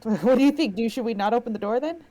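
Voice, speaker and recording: A woman's voice: fairly high pitch, fast, mellow. A woman playing a tabletop game, playful and joking in casual chat. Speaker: player.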